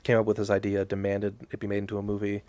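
A man's voice: lowish voice, completely flat delivery, fast talker, darkish tone, dry recording. A man co-hosting a podcast in casual chat, making dry, wry jokes. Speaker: podcast co-host.

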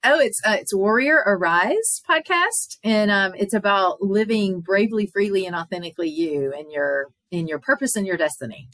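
A woman speaking as a therapist guest, earnest and halting with many filler pauses. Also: mid-range voice, a bit bright, no echo. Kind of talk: casual interview talk.

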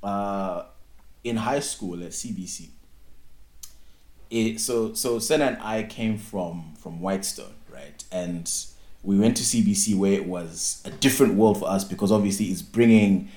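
A man's voice: fairly low pitch, measured pace. A man from Zimbabwe co-hosting a podcast, chatting casually and telling stories with acted-out quotes. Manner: animated storyteller, acts out quotes. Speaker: podcast co-host. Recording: roomy echo.

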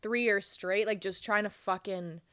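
A woman's voice: mid-range voice, fairly even intonation, normal speed, sharp tone, no echo. A young woman co-hosting a podcast, talking with dry, sarcastic, profane humor. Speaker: podcast co-host. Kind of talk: casual chat.

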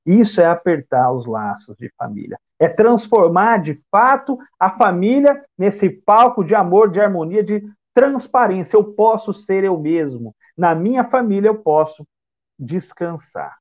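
Unhurried and high-pitched, this man's voice swings widely in pitch as he gives a reflective spiritist lecture full of rhetorical questions. The sound quality is lo-fi. He's from São Paulo state and speaks with a Brazilian Portuguese accent.

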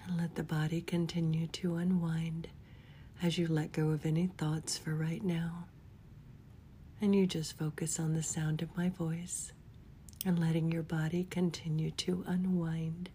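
A woman leading a guided relaxation in a soft, soothing whisper, gently giving unhurried instructions. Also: low-pitched, level tone, a little hiss or hum. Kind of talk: whispered guided body-scan meditation.

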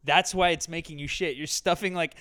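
A man's voice: a little high, fairly even intonation, brisk, a bit bright, dry recording. A man hosting a podcast in casual, sweary banter, teasing and mocking his co-host.

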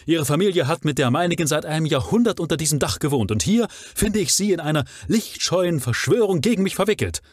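A man's voice: medium pitch, expressive, a little fast, no echo, studio quality, pitched above the performer's own voice, natural voice. A man reading aloud, voicing a stern male nobleman who angrily commands and interrogates his servant. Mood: angry. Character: stern indignant male nobleman, master of the house.

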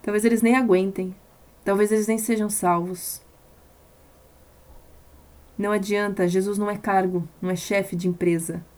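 A woman's voice: medium pitch, fairly even intonation, normal speed, pauses often, darkish tone. A woman preaching a sermon on a live stream, impassioned and emphatic, repeating phrases for stress.

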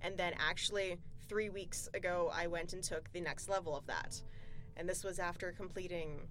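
A young woman with a slightly low voice answers interview questions in casual talk. She sounds bubbly and self-deprecating, with a lilt some would call Valley girl. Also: steady tone, moderate pace, a bit bright, a little hiss or hum. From Canada. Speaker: podcast guest.

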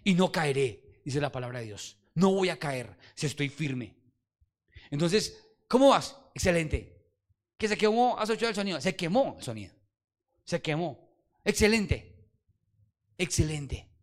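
A man preaching a Sunday sermon, calling out to the congregation and swinging from loud exhortation to quiet low asides. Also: lively intonation, unhurried, long pauses. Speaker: pastor. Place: church service.

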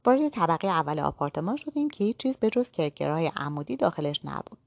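A woman's voice: low-pitched, gravelly, dry recording. Woman narrating a novel in first person. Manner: steady first-person storytelling.

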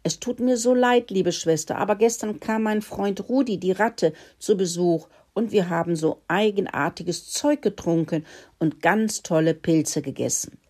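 A woman voicing an excitable young male mouse in a children's story, babbling in a squeaky voice. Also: a little slow, close to an everyday voice. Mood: eager.

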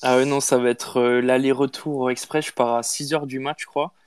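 A man co-hosting a casual chat, speaking in a calm, even way. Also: mid-range voice, normal speed, clear, resonant tone, no room sound. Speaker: co-host.

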